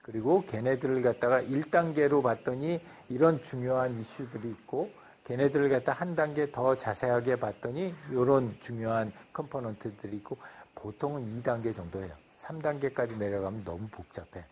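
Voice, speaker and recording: A man's voice: mid-range voice, slight background noise. A man giving a university lecture, explaining a design process step by step, with frequent fillers and English loanwords.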